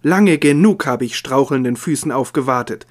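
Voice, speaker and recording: A man reading aloud as a proud, defiant young noblewoman, his voice rising in pitch and force. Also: expressive, normal speed, darkish tone, close to an everyday voice. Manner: impassioned, raised pitch and volume.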